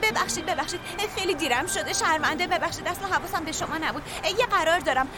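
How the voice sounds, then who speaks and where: An actress dubbing a young woman forensic scientist who is hurried and keeps apologizing, with music under the dialogue. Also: very high voice, a loud crowd. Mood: flustered. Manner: flustered, apologetic. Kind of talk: dubbed TV drama.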